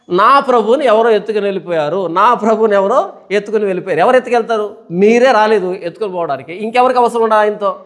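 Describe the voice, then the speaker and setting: High-voiced pastor preaching with animated questions. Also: male voice. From India. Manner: animated storytelling with rhetorical questions. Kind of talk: Bible study sermon.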